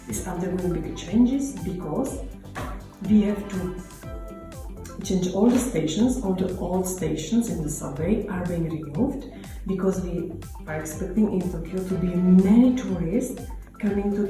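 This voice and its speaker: A woman giving her opinion in halting second-language English, often rephrasing as she goes. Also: on the low side, dark tone. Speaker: interviewee. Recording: strongly echoey with music behind.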